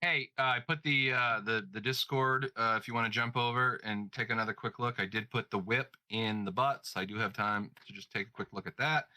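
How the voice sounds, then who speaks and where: Man, podcast co-host, casual chat, very bright voice, dry close sound. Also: medium pitch, fairly even intonation, brisk, hardly any pauses, no echo. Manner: rambling and playful, with filler words.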